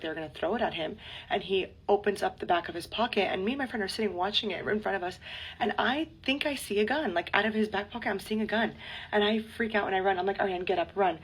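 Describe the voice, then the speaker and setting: Husky young woman chatting casually. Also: medium pitch, fast, rough recording. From United States. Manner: chatty storytelling, frequent "like". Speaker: vlogger. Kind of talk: casual morning vlog chat. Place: indoors at home while traveling.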